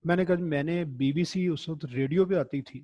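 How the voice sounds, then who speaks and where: A man's voice: a little high, normal speed, warm tone, no room sound. A middle-aged man, giving a recorded lecture in a conversational, encouraging way and telling anecdotes. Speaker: teacher.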